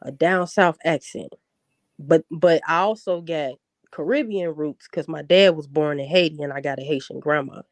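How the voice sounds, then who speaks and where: A woman's voice: low-pitched, moderate pace, no room sound. Chatty chicago lady w a little southern twang, laughs a lot, dry close sound. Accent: Chicago with a Southern tinge. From born in Florida, raised in Chicago. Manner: chatty, laughs a lot, repeats words when starting. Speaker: guest. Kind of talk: casual chat.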